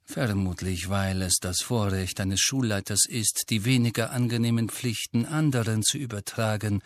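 A man voicing a cold, sneering male teacher in an audiobook, speaking softly and slowly with silky mockery. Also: fairly low pitch, no room sound, clean studio sound, lightly acted. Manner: soft, slow, silky and mocking. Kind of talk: audiobook character voice.

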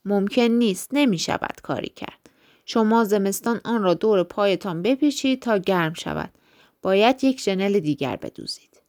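A woman's voice: medium pitch, darkish tone, no room sound, studio quality, lightly acted. A woman voicing a blunt, dismissive male tailor in a storybook reading. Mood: curt.

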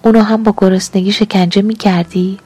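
A woman's voice: medium pitch, level tone, mellow, breathy edge, no echo, lightly acted. A woman reading as a hungry, demanding young lover. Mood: bitter. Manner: pleading then accusing, emotional.

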